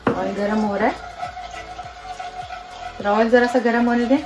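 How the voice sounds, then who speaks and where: A woman in her thirties hosts a home cooking show from her own kitchen. She talks step by step in a fairly high, friendly-sounding chat as she works. Clear background music runs under her voice. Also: steady tone, measured pace. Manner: chatty, walks viewers through each step. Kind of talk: casual cooking demonstration.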